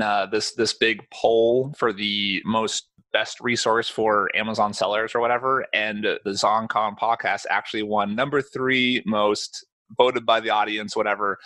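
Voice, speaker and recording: A man hosting a podcast in casual chat, lively and quick to act out his reactions. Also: fairly low pitch, no room sound. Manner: animated, acts out quoted reactions. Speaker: podcast host.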